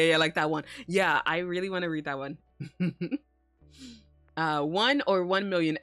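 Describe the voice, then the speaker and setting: A woman's voice: on the low side, fairly bright tone, no echo. Playful, cutesy woman streamer over music. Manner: casually sweary. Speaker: streamer hosting a live stream. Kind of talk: casual live-stream chat to viewers.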